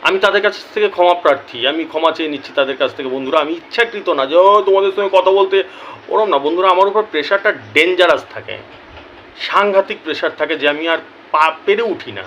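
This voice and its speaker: A man's voice: a little high, animated, quick pace, a bit bright, highs cut off, slight background noise. Chatty Bengali man with a throaty voice. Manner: chatty, repeats "ঠিক আছে?", apologetic. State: throat troubling him. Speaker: lottery result channel host. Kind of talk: casual talk to viewers.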